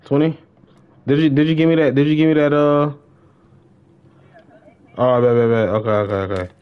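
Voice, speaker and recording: A young American man streams an online roleplay shooter live, chatting casually with slang and short repeated phrases. His medium-pitched voice is steady and clean at a moderate pace, though the stream audio is slightly dull and lo-fi.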